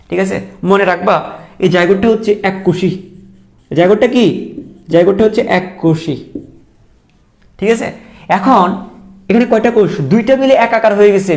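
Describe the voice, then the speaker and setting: A man's voice: sits high, creaky, a little mellow. A young man teaching a biology exam-prep lecture, repeating key terms and quizzing his students as he goes.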